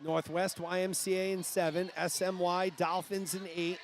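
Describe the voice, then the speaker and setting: A man with a New England accent calling a youth swim meet live, brisk play-by-play that rises at the finishes. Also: high voice, level tone, a little hiss or hum. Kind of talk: live sports commentary.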